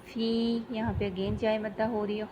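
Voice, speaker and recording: A woman's voice: fairly high pitch, flat delivery, dark tone. Woman teacher drawing out recited letters. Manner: slow drawn-out demonstration of letters, then brisk explanation. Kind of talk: tajweed lesson. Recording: dull lo-fi recording with faint background noise.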